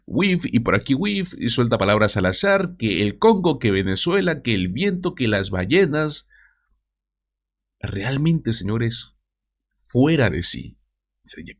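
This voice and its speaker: A man hosting a news commentary show, talking straight to his viewers with mocking asides. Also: mid-range voice.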